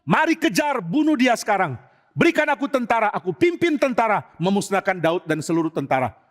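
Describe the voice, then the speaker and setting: A man plays a cunning royal advisor in a retold story. The voice sits high and presses each point with urgent insistence. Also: very animated, normal speed, big-room sound.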